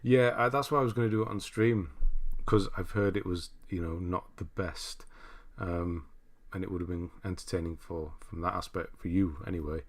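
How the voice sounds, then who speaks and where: His low voice moves at an ordinary speed with few pauses. Hosting a casual live chat, he reads viewer messages and talks over game lists, thinking out loud in a rambling way that often drifts into asides.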